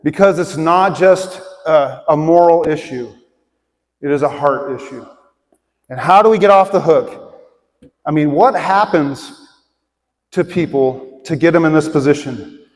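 High-voiced man preaching in a reverberant hall. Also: a little slow, pauses often. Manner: conversational, direct, asks the congregation questions. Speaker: pastor. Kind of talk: sermon. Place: large church auditorium with a stage, seated congregation.

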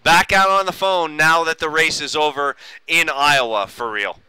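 A man's voice: a little high, normal speed, bright, forceful tone, rough recording. A man hosting a live-stream racing broadcast, calling the race and joking with his co-commentator in upbeat banter.

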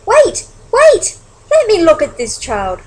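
A woman voicing a loving mother bat in a children's storybook reading, in a soft, gentle tone. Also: sits high, very animated, normal speed, rough recording. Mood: tender.

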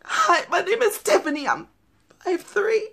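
A woman's voice: very high voice, big pitch swings, measured pace, vocal fry, sharp tone, voice pushed up, heavily acted. A woman playing a desperate struggling actress in a tragic dramatic monologue, sorrowful and anguished, crying, moving between whispers and wails. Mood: anguished, breaking down. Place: small plain room indoors.

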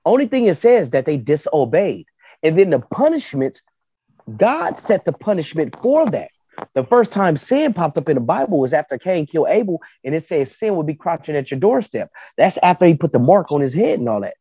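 A man with a somewhat high, husky voice talks in a lively, swooping way, acting out arguments in a casual podcast chat. The tone is warm and dark. The recording is dry and a bit dull and lo-fi. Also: brisk, dry recording. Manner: animated, argumentative storytelling with quoted back-and-forth. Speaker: podcast panelist.

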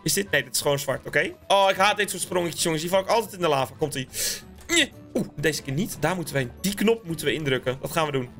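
A man giving excitable, chatty let's-play commentary on a block-building game and talking straight to his viewers. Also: fairly high pitch, quick pace, faint music behind. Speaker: gaming YouTuber.

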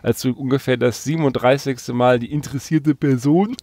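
Sitting in a parked van, this Berlin podcast host keeps a friendly chat going and ribs his co-hosts with joking introductions. He has a mid-range, mellow voice with a steady tone and a slightly quick pace, and a faint hiss or hum is audible.

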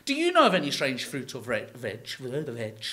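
A man's voice: mid-range voice, wildly swooping pitch, normal speed, crowd noise. A man, a children's pastor, cracking goofy puns and rambling through fruit and veg jokes on a kids' church show. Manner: goofy, pun-loving, rambling.

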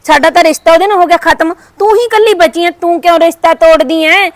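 A woman's voice: very high voice, fairly even intonation, fast talker, no room sound. A woman with a Punjabi accent playing a niece who coaxes and placates her angry aunt. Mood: placating. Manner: coaxing, placating. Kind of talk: scripted village family skit.

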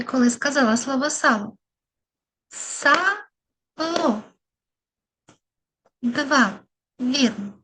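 Slow, lively woman teaching small children. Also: fairly high pitch, slight background noise. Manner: slow, syllable-by-syllable, encouraging teacher talk. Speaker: speech therapist teaching children. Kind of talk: children's lesson narration.

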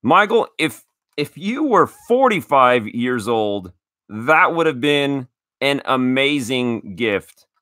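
A man in his thirties hosts a casual card-opening chat, gushing with thanks and tripping over his words as he restarts sentences. His voice is bright and forward. The sound is dry and close, with no room echo. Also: medium pitch, sing-song, slow pace. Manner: enthusiastic, grateful, stammering restarts. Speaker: card collecting show host.

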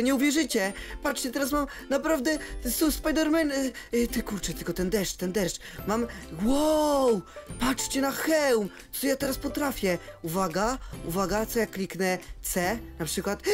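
Excitable man narrating Minecraft role-play. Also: extremely high pitch. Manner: exclamatory, talks straight to viewers. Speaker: game role-play youtuber. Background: faint background music.

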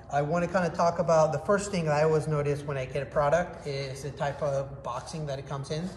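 A man in his thirties with a slightly high, darkish voice gives an upbeat, casual product review to a phone camera, demonstrating enthusiastically with his hands. He's in an indoor workshop with hard walls, so the room echoes and there's faint background noise.

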